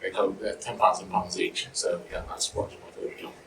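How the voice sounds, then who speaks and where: A middle-aged man with a very deep, firm voice, speaking informally and jokingly on a panel. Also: little pitch movement, brisk, vocal fry. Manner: informal, joking, mild swearing. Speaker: panel speaker, insight director. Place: live panel event room, microphone. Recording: echoey room, far mic, faint noise.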